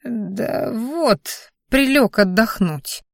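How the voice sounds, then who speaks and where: Woman doing an old grandfather in an audiobook, slow grumbling lines, low-key and quiet, dry close sound. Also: expressive, no room sound. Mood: sheepish. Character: elderly father-in-law, grumbling, sheepish.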